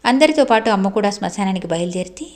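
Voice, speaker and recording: A woman's voice: medium pitch, lively intonation, fast talker, darkish tone. Woman reading a devotional audiobook. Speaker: audiobook narrator. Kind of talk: scripted audiobook narration.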